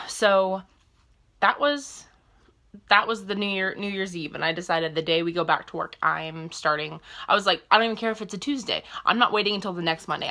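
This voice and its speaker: A woman in her twenties speaks to her camera in a casual personal vlog. She rambles openly and corrects herself mid-thought. Her voice sits a little low but has a bright, forward edge. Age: 20s. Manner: rambling and candid, self-correcting mid-sentence. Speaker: vlogger.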